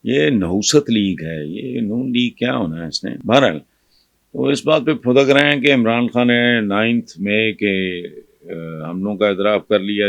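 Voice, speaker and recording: An older male commentator from Pakistan scolds and mocks in a fiery monologue. His voice sits low with a gravelly fry, and the sound is dry and close to the mic. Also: no echo, muffled recording. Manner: scornful and scolding, with bursts of loud mockery. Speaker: political commentator. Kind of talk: fiery political commentary to camera.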